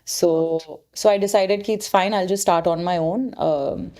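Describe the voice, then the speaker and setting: A woman's voice: fairly low pitch, steady tone, measured pace, warm tone. Indian-accented woman, casual photographer chat. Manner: informal, mixes in Hindi words. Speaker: photographer being interviewed. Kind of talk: casual conversation.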